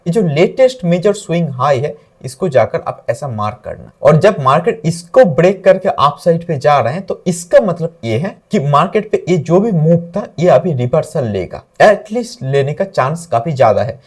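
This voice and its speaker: A man's voice: fairly high pitch, big pitch swings, moderate pace, hardly any pauses, husky. A man teaching trading, walking through chart examples and mixing English terms into Hindi speech. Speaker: trading instructor.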